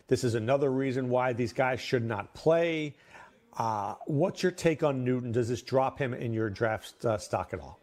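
A man with a mid-range voice hosts a casual fantasy football discussion. He is opinionated and animated, jumping up in pitch on the names and calls he cares about. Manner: opinionated, lively, jumps to higher pitch for emphasis. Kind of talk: casual sports chat.

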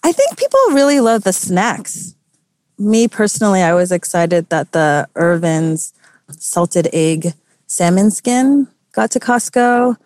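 A woman's voice: medium pitch, expressive, takes it slowly, darkish tone, dry recording. Chatty young woman, dry close sound. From United States. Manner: chatty, lots of "like" and "you know", light laughs. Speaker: journalist guest. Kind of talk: casual interview answers.

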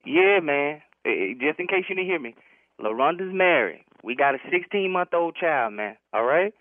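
A man's voice: a little high, animated, moderate pace, dry recording. Man on a tinny phone line. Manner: firm, interrupting, says "man" a lot. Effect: heard over a telephone line. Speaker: prank call target. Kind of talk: phone conversation on a radio show.

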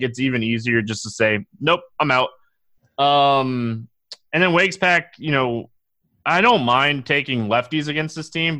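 Bright, dry-voiced man with halting delivery. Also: mid-range voice, no echo. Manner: halting, many fillers and restarts. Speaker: co-host. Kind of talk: casual podcast sports talk.

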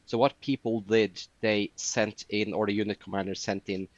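A man's voice: lowish voice, fairly even intonation, normal speed, dry recording, muffled recording. A man chatting as a podcast guest, telling long rambling stories with many fillers. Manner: rambling storytelling with frequent fillers. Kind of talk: casual podcast chat.

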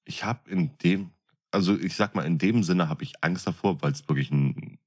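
A husky, dark-toned man whose voice sits low argues his point at a moderate pace on a casual podcast. He co-hosts the show, is an experienced window fitter, and talks in a blunt, coarse, emphatic colloquial way, opinionated throughout.

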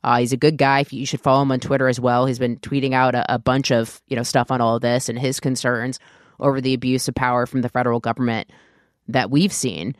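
A woman's voice: extremely low pitch, level tone, fast talker, no echo. A woman hosts a podcast with a congested, stuffy-nosed voice. She speaks informally and directly to her listeners, sounding nasal and under the weather. The sound is dry, with very little room in it. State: sick, congested stuffy nose. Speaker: podcast host. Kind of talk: conversational interview introduction.

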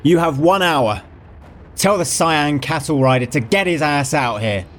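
A man voicing a bold, cheeky young male noble heir in an audiobook, brash and quick. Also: fairly low pitch, a little mellow, natural voice. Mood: shouting. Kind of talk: audiobook character voice.

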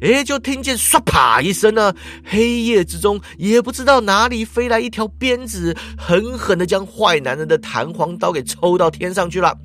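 Animated male storyteller. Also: sits high, slight background noise. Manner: lively, with drawn-out particles and sound effects. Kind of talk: dramatic story narration.

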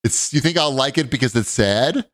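A man's voice: normal speed, no echo. A man co-hosting a podcast in casual chat, joking in a wry, dry way. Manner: wry, joking, expressive swings in pitch. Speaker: podcast co-host.

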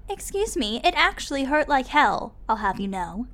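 A man voicing a blind older mother who is sharp-tongued and feisty, in a high sing-song put-on voice. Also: sing-song, normal speed, full character voice. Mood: teasing.

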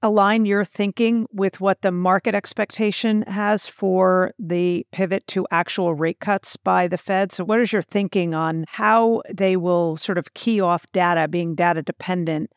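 A woman hosting an interview, asking questions in a measured, formal way. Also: on the low side, steady tone, no echo, clean studio sound. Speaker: host.

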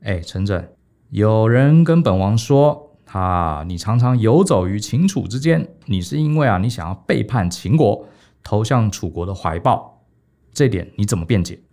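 A suspicious ancient king fires accusing questions at his minister, as a man puts him on in a storytelling podcast. The voice is mellow and lowish, but the pitch leaps about. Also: expressive, normal speed. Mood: stern.

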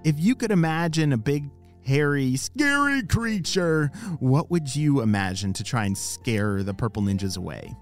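A kids show host telling stories and addressing young listeners in a playful, exclamatory, animated way. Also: mid-range voice, moderate pace, faint music behind. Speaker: kids' show host and storyteller. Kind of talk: animated children's storytelling and kids show hosting.

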